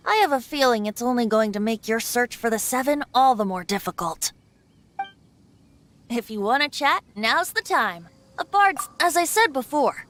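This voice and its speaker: A woman voices a youthful, boyish male bard in a video game, a playful, philosophical god whose manner is breezy and at times wistful, though here he sounds troubled. Her voice is on the high side and fairly bright, with a little hiss or hum in the recording.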